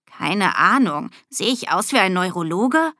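A woman's voice: mid-range voice, lively intonation, measured pace, bright, forceful tone, no echo. A woman voicing a sarcastic, nonchalant male talking cat in an audiobook, with a dry, drawling delivery.

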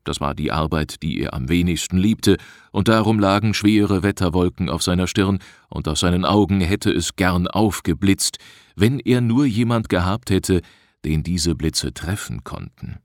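A man narrating an audiobook in a measured, deliberate reading style. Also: low voice, dry recording, studio quality. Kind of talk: scripted narration.

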